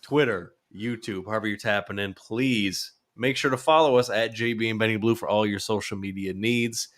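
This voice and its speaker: A man's voice: on the low side, moderate pace, a bit bright. Male podcast host, playful hype-man energy, casual sports chat. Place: in Los Angeles.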